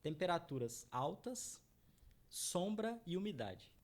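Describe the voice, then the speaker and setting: With a high, very animated voice and slow delivery, a middle-aged man from Minas Gerais, Brazil, explains the chocolate brand he founded during an interview. He earnestly speaks to the audience, repeating "né?" ("right?") often.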